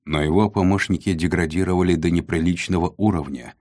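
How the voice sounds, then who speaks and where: A man doing a croaking old court mage. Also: low voice, fairly even intonation, fairly quick, darkish tone, no room sound, clean studio sound, natural voice. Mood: dry, matter-of-fact. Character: croaking male dark court advisor mage.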